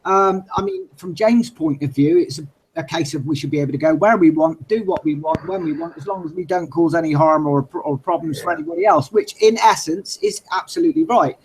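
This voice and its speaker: A man's voice: fairly high pitch, fairly quick, slight background noise, poor audio. A man from the UK co-hosting a casual podcast discussion, thoughtful and hedging with fillers. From United Kingdom. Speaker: podcast co-host.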